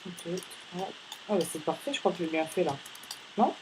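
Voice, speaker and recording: A man's voice: high-pitched, moderate pace, noisy background. A male gaming host giving casual, rambling let's-play commentary, chatting playfully with viewers between tasks.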